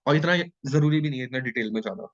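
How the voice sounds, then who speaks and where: A man teaching an exam-prep class in a lively, joking way, often checking in with his students. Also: medium pitch, fast talker. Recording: dull lo-fi sound.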